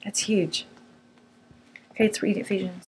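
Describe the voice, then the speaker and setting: A woman's voice: medium pitch, steady tone, measured pace, a little mellow, slight background noise. A middle-aged woman teaching a small Bible study group, earnest, firm and conversational.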